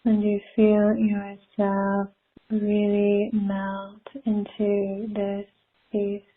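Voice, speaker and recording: A woman guides a spiritual meditation on a live call, soothing and gentle, with long pauses between phrases. Her mid-range voice stays monotone, and the audio is muffled and phone-like.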